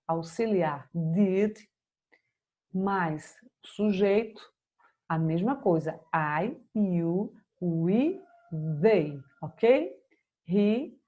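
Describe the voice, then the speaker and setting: Brazilian woman teacher, slow and mellow, patient, walks students through grammar step by step. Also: fairly low pitch, highs cut off. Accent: Brazilian Portuguese. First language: Portuguese. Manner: slow, patient explaining, checks in with "ok?". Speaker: English teacher. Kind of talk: recorded grammar lesson.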